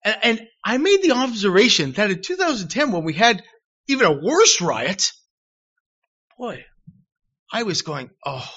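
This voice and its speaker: A middle-aged man preaches to his congregation in an animated, self-deprecating way. His fairly high, bright voice swings widely as he acts out little scenes. The recording is dull and lo-fi. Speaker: pastor. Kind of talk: sermon.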